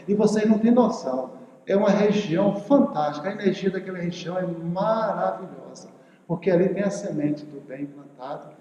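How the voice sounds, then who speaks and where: A man's voice: high voice, mellow, lo-fi sound, a little hiss or hum. A Brazilian man in his fifties giving an earnest spiritual lecture, repeating words for emphasis. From southern Bahia, Brazil. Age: 50s. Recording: echoey hall with long reverb.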